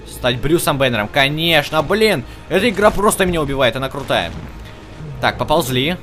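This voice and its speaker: Animated and a bit bright, his voice sits on the high side at normal speed. He's a let's-play host giving casual gameplay commentary, thinking aloud and talking to characters as video game music plays.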